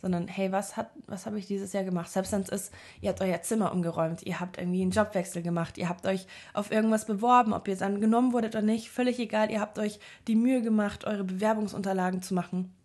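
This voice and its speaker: A woman's voice: mid-range voice, fairly even intonation, quick pace, few pauses, darkish tone. Earnest woman rambling to her viewers. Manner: earnest, rambling, many fillers and restarts. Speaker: vlogger giving self-help advice. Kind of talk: casual reflective monologue to viewers.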